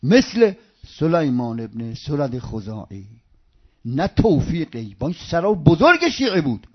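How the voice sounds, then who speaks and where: A male preacher with a high, ringing voice, delivering an impassioned sermon full of retold stories. He lurches from loud cries down to hushed near-whispers and slips into a chanting, sing-song cadence on some phrases. The recording sounds dull and lo-fi. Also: sing-song. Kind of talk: religious sermon with storytelling.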